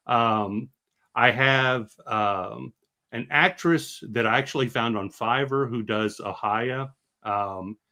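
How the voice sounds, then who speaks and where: An American man in his fifties, a filmmaker hosting a launch chat, talking haltingly with many fillers and restarts. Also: lowish voice, pushed and bright. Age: 50s. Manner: hesitant, full of fillers and restarts. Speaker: filmmaker and host. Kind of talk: casual chat.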